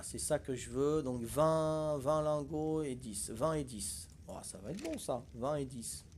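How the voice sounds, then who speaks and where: A man's voice: medium pitch, a little mellow, a little hiss or hum. An older man from Corsica, casually talking viewers through a survival game as he plays, chatty and folksy, with lots of hesitations and tag words. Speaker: gaming streamer. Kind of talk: casual live gameplay commentary.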